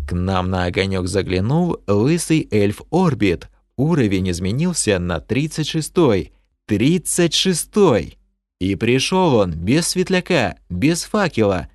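A man narrating a first-person fantasy audiobook in an expressive storytelling manner. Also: fairly low pitch, dry recording, studio quality.

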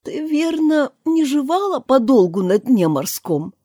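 Woman reader doing the Mock Turtle: a weepy, sentimental storybook sea creature, pitched up high, cries out in a swooping singsong. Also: very animated, unhurried, mellow, no room sound, studio quality. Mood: tearful. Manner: tearful, exclamatory, singsong.

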